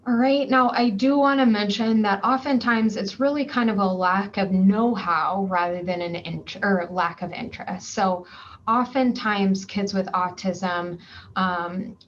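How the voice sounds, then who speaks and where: A woman's voice: mid-range voice, slow pace. A woman presenting at a virtual conference session, explaining steadily and patiently, with frequent ums and worked examples along the way. Her voice comes through a slightly dull video-call recording, with a faint hiss of noise underneath. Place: home or office, remote virtual session. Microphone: computer mic on a video call.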